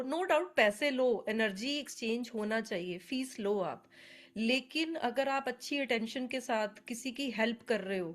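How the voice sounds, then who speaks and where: Chatty woman teaching astrology. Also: a little high. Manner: chatty, earnest, addresses attendees by name. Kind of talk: live online webinar teaching. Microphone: video call.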